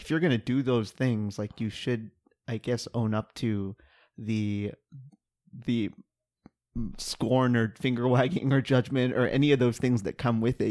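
A man's voice: medium pitch, darkish tone. A man on a podcast panel giving opinions casually, often stopping to rephrase as he argues.

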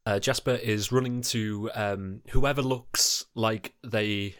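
Slow, hesitant low-voiced man player. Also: steady tone, fairly bright tone. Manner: hesitant, lots of fillers.

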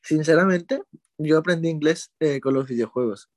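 A young man from Ecuador answers casually as an interviewee in a voice on the high side, at a moderate pace. He's relaxed and rambles a bit, with hesitations and self-corrections. The recording is dry and clean, studio sound.

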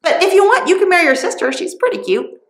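A woman puts on a glib, apologetic father in a storybook, talking high and fast with a lively swing. Her voice echoes in a roomy space. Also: exaggerated voice. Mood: breezy apologetic. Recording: roomy echo.

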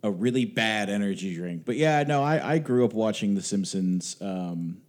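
A man's voice: lowish voice, expressive, moderate pace, a little mellow. A man co-hosting a podcast, chatting casually in a wry, rambling way with some swearing. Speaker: podcast co-host. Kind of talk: casual chat.

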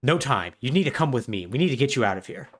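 A man's voice: mid-range voice, very animated, quick pace, husky. A man voicing a fussy robot butler. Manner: casual retelling, mimics quoted lines. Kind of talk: podcast game recap.

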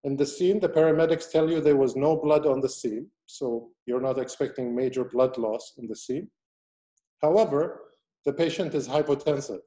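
A man delivers an online medical lecture as a surgeon, working methodically through each point. His voice is mellow and warm, at an ordinary pitch, and he stops now and then to take questions from his audience. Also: normal speed.

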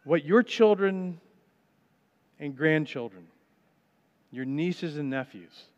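A pastor with a fairly high, expressive voice delivers a sermon in a reverberant hall, retelling scripture as a story. He uses dramatic pauses and swings between loud and hushed. The sound is muffled, with long reverb from the large hall.

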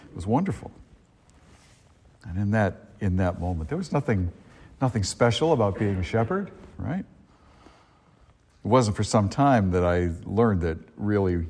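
A man with a fairly low, husky voice preaches and reads as a priest. His phrasing is conversational and a little halting, circling back on his words. The sound rings with the long echo of a cathedral-like space. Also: darkish tone. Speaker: priest preaching at a Christmas service. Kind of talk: liturgical reading and homily. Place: large reverberant church.

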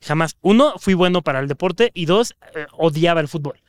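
A young Mexican man co-hosting a podcast, chatting casually and reacting with quick agreement. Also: a little high, expressive, smooth, dry recording, studio quality. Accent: Mexican Spanish. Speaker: podcast co-host. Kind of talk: casual chat.

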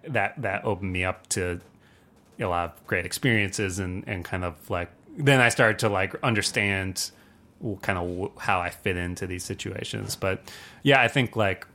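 A man, a percussionist and composer guest, talking in a casual conversation, halting and full of fillers and restarts. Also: low voice, pushed and bright.

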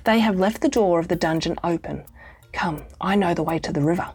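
A woman with an Australian accent reading a children's storybook aloud, giving the characters' lines gently. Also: fairly low pitch, a little fast, breathy edge. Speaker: audiobook reader. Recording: soft music bed behind voice.

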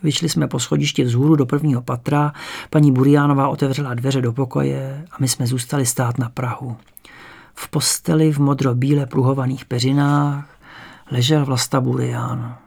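A man calmly reading a memoir-style story aloud as an audiobook narrator. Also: medium pitch, gravelly, husky.

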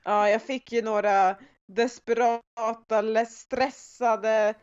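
A woman's voice: fairly high pitch, smooth, no echo. Woman, casual chat, enthusiastic listener, muffled lo-fi audio. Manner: excited, supportive reactions. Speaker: podcast co-host.

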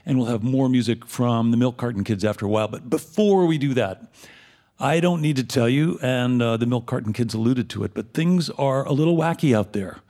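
A man hosting a live show, speaking from the stage in a conversational podium speech to introduce a guest, phrasing things haltingly. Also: medium pitch, warm tone. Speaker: host of a live music and community radio show.

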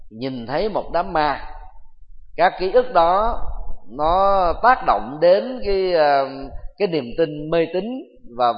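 Buddhist monk giving a measured dharma talk. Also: male voice, a little high. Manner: measured, deliberate phrasing with pauses. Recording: dull lo-fi recording with long hall reverb.

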